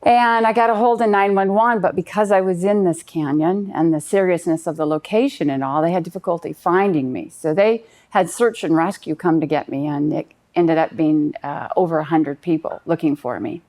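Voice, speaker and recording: A woman's voice: on the low side, normal speed, hardly any pauses, a little mellow. A woman in her fifties telling a personal story in an earnest, detailed and slightly rambling way. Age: 50s. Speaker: client giving a testimonial.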